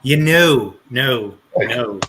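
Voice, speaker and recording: Bright-voiced man reading trivia clues. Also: mid-range voice, expressive, extremely slow, a little hiss or hum. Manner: reads clues aloud, laughs easily. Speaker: trivia quiz host.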